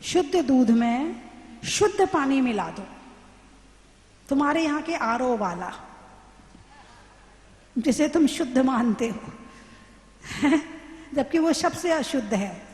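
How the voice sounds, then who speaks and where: Woman nun preacher, high voice, slow teacherly delivery, echoey hall. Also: darkish tone. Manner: questions the audience and answers herself; slow, teacherly explaining with examples. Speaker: Jain nun giving a sermon. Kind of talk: sermon. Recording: roomy hall with long reverb.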